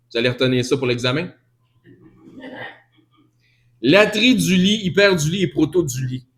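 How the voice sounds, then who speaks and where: Québécois male preacher, higher voice, conversational teaching sermon, self-correcting. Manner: conversational, restarts and self-corrects, answers questions from the floor.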